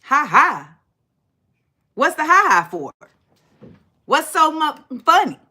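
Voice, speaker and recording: A livestream host in her forties talks slowly in a high voice. Casual and chatty with plenty of sass, she stays lively as she speaks straight to her audience, reading out viewer comments and replying to them.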